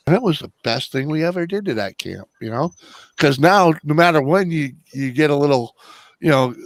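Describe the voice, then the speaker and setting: A man chatting casually on a live stream, his voice sitting a little high for a man. He rambles and keeps tossing in "you know". The sound is dry and close, with no room around it. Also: no room sound. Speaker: panel guest.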